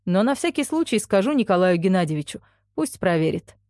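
Woman reading cheerful booming middle-aged father, warm dry tone. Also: sing-song, fairly quick, no room sound. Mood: matter-of-fact.

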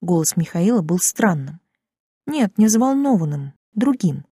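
A woman narrating an audiobook in the first person, expressive, acting out the dialogue. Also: lowish voice, measured pace, breathy edge, no room sound, studio quality.

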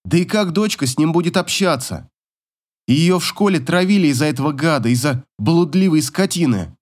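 A man's voice: a little high, lively intonation, moderate pace. A man reading a first-person story audiobook, telling it in an emotional, dramatic way. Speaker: audiobook narrator.

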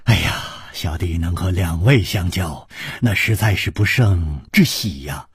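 A man voicing a polite young gentleman who sighs often and speaks with somber courtesy. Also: low-pitched, unhurried, husky, dry recording, studio quality, voice pushed down, full character voice. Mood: courteous.

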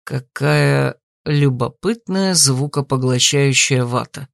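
A woman voicing a polite, composed man who is a palace host, speaking in a measured, gently amused way in an audiobook. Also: sits low, dry recording, studio quality, pitched below the performer's own voice. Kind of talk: audiobook character voice.

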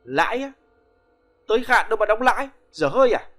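A man doing a shrill, flustered village woman. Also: sing-song, fairly quick, a bit bright, soft background music. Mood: snappish. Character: coarse middle-aged village woman, panicky and shrill.

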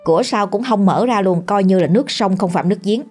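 A woman's voice: mid-range voice, fairly quick, a little mellow, faint music behind. A woman with a Southern Vietnamese accent telling a ghost story in a chatty, colloquial way.

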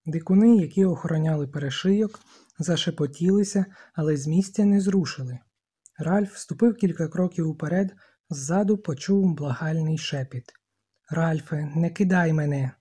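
Audiobook reader, steady measured narration, soft husky warm voice. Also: mid-range voice. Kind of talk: scripted narration.

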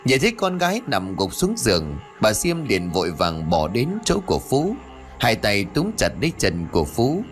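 Guy reading a ghost story, really animated pitch, faint music under it. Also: moderate pace. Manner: dramatic, expressive. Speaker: audiobook narrator. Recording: soft background music.

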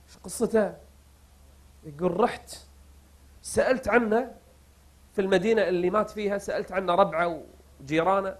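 A man preaching a sermon. He tells the story dramatically, dropping to hushed murmurs, rising to loud cries and drawing out repeated words slowly. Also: high-pitched. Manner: drawn-out slow repetitions for emphasis.

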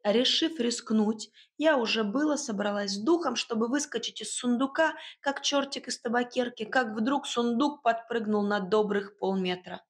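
A woman reading a first-person story aloud with lively, expressive narration. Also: on the high side, moderate pace, few pauses. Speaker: audiobook narrator.

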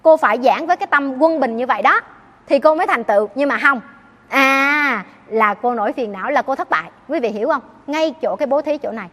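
A woman's voice: high-pitched, fairly quick, fairly bright tone, in a large hall. A Buddhist nun giving an earnest dharma talk, often questioning her listeners. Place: temple hall.

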